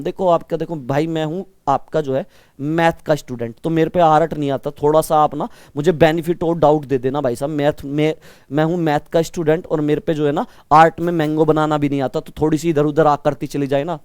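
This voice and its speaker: A man with a naturally loud, high voice teaches a live online reasoning class. He talks with energy, quizzes his students and calls them brother. The sound is smooth and close, with a dry room. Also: dry recording. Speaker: reasoning teacher for exam prep.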